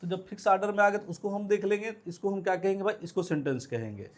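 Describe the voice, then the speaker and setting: A man's voice: sits high, fast talker. A man teaching a grammar lesson to students in a classroom lecture, who asks and answers his own questions and repeats the key words. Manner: calls students "beta". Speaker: English teacher.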